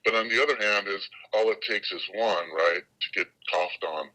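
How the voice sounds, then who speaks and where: A man's voice: lowish voice, moderate pace, pushed and bright. A man interviewed anonymously as a bus driver, his voice altered to hide who he is, speaking plainly with some hesitation. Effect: voice altered to hide identity. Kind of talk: news interview. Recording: muffled lo-fi altered audio.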